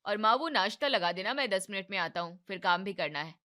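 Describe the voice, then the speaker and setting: A woman's voice: lively intonation, brisk. A woman voicing a young husband in a cartoon family drama, placating his wife and mother. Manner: soft, placating, lower voice. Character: young husband, soothing and evasive.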